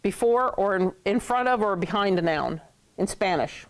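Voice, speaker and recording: A woman leads a classroom lesson in a playful way. Her voice sits at a middle pitch, and she laughs often and jokes with her students. She repeats words to drill them. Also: animated, moderate pace. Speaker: Hebrew teacher.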